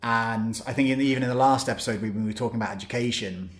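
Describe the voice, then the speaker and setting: A man co-hosting a casual podcast discussion, haltingly rephrasing as he thinks aloud. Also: mid-range voice. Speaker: podcast co-host. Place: studio. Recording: roomy, echoing studio sound.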